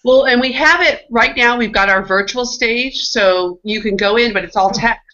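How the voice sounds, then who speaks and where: A woman's voice: on the high side, moderate pace, sharp tone. A woman guest and conference organizer chatting on a video call, upbeat and planning aloud. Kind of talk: casual video-call conversation. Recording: dull lo-fi video-call audio.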